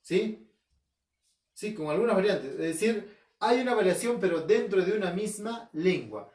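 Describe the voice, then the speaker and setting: Heard from a distance in an echoey room, a Peruvian schoolteacher with an Arequipa accent leads a recorded home-learning language class in a high, expressive, slightly mellow voice that swings widely in pitch at a measured pace. He keeps asking himself questions and answering them, stresses key terms repeatedly, and checks in with "¿ya?".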